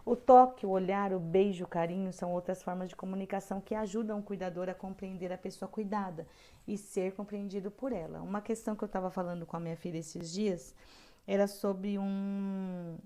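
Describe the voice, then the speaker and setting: A middle-aged woman lectures to caregivers in an earnest, steady way, pausing often to search for words. Her voice is mellow and rounded. She leans hard on the points she cares about. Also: mid-range voice. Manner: earnest, frequent hesitations, emphatic on key points. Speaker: caregiver course instructor. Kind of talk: lecture reading guidelines with asides.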